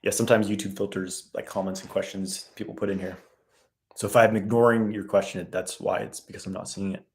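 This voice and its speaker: A man hosting a casual live Q&A, reading viewer questions aloud and answering in a relaxed, rambling way. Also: low-pitched, a little fast. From West.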